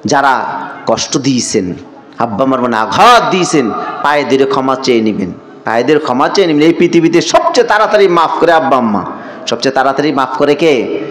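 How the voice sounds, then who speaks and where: A man's voice: mid-range voice, lively intonation, brisk, fairly bright tone. A male preacher delivering a sermon, repeating phrases for emphasis and chanting scripture verses. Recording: echoey sermon sound.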